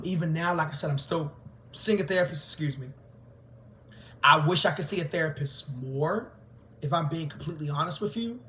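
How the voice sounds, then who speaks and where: A man tells his own story in a candid, conversational way. His voice sits a little high for a man. A faint hiss runs under the recording. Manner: candid, conversational, grows animated. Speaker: teacher and vlogger. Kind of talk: personal storytelling to camera.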